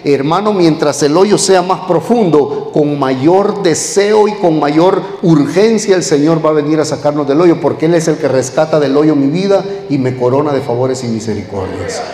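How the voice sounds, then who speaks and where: Male pastor, fairly high voice, narrative sermon style, roomy reverberant church sound. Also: moderate pace, hardly any pauses, darkish tone. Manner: storytelling, addresses listeners as brother. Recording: echoey hall.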